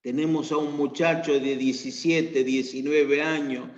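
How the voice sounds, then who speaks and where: A man's voice: steady tone, unhurried, darkish tone, lo-fi sound. Male Argentine pastor, sermon delivery, emphatic swells, echoey church room. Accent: Argentine Spanish. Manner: preaching, rising to emphatic peaks then dropping low.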